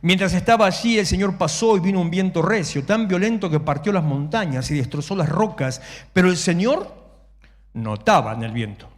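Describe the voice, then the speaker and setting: Rioplatense male pastor, fairly high voice, lively and humorous delivery, long church reverb. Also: moderate pace. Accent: Rioplatense Spanish. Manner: animated, humorous, acts out shouting worshippers. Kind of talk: sermon. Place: church sanctuary. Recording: echoey church hall.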